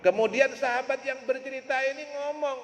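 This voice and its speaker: Male preacher, lively storyteller, echoey hall recording. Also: very high voice, fairly quick. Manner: lively storytelling, mixing in Javanese, addressing listeners as "Pak". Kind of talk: Quran commentary sermon. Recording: echoey hall with faint background noise.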